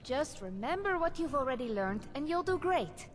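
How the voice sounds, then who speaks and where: A woman's voice: high voice, sing-song, moderate pace. An actress playing a poised, dry-witted bard woman, composed and articulate, in a fantasy video game. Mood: encouraging, defiant. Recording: loud game music behind the voice.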